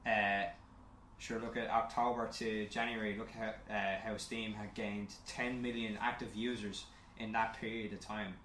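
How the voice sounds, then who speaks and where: A man co-hosting a casual gaming podcast, blunt and quick to swear. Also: fairly low pitch, level tone, a bit bright. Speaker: podcast co-host. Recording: roomy with faint hiss.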